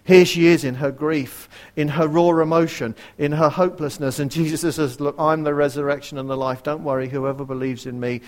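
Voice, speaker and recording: Earnest preacher man, slightly high voice. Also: fairly even intonation, fairly quick, few pauses. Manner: earnest, asks the congregation direct questions; varies loudness widely, dropping to a near whisper for quoted verses. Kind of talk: sermon.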